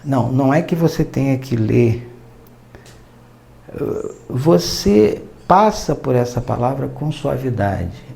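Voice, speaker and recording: A Brazilian man teaching a recorded lesson, his voice dark and mellow with a gravelly edge. He explains patiently, stopping to act out little quoted dialogues as examples. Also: mid-range voice, lively intonation, takes it slowly. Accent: Brazilian Portuguese. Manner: explanatory, quoting and acting out small dialogues.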